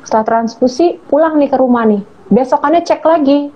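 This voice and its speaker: A woman telling a heartfelt personal story as an interview guest, earnest and slowing on key words. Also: high voice. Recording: muffled lo-fi audio with faint hiss.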